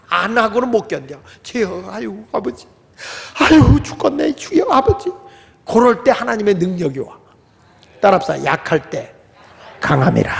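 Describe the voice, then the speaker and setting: A male pastor preaching a sermon in a church, emphatic and casual, leading the congregation in reading aloud. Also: sits high. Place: church sanctuary. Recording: long reverb of a large hall.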